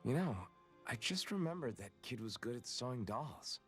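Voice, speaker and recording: An actor playing an earnest, kind young soldier hero in a game, speaking gently and reflectively. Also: male voice, medium pitch, sing-song, moderate pace, faint music behind. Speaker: game character, young male swordsman. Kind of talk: game voice acting.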